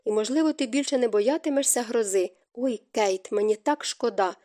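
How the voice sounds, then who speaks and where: A woman voicing a gentle, remorseful middle-aged stepmother who speaks softly and tearfully. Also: a little high, moderate pace, close to an everyday voice. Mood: sorrowful. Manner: soft, hushed, tearful delivery.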